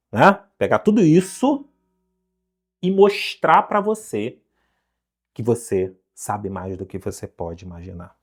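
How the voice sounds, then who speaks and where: Animated Brazilian English teacher. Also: male voice, medium pitch. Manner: animated, coaxing, rhetorical questions. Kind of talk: online lesson to camera.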